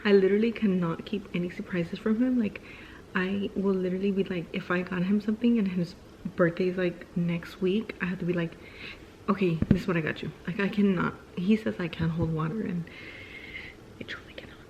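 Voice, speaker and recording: A woman's voice: fairly low pitch, steady tone, brisk, a little mellow. A young woman vlogger chatting casually, telling a personal story with lots of "like" and acted-out quotes. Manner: chatty, heavy use of "like", acts out quotes. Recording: slightly dull, faint background noise.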